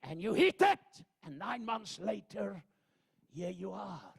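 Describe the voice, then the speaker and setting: An older man from Zambia preaching a sermon, swinging from hushed asides to loud shouted proclamations. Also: high voice, big pitch swings, slow pace, creaky, slightly rough. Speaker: pastor.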